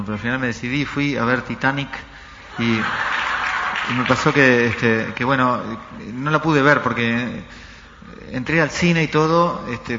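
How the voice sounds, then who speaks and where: A man telling a comic monologue, stumbling on fillers at first and then shouting a string of quarrelling voices. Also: medium pitch, big-room sound, dull audio, slight background noise. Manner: hesitant storytelling that builds to loud shouted quotes.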